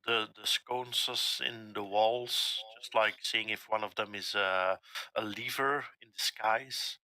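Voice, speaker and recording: A man with a very bright, forceful voice banters casually during a tabletop game. He is recorded dry and close. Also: lowish voice, steady tone, slow, no room sound, rough recording.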